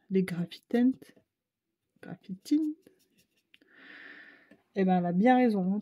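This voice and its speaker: A woman's voice: mid-range voice, dark tone. A woman with a Ch'ti accent from northern France, chatting casually to viewers while she tries out art supplies. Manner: chatty, thinks aloud while painting. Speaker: craft channel host.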